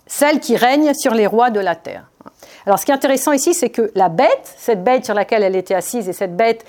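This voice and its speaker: A woman giving a Bible study talk, reading verses and explaining them in a spontaneous, halting way with many fillers and restarts. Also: a little high, animated, a little mellow. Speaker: Bible teacher.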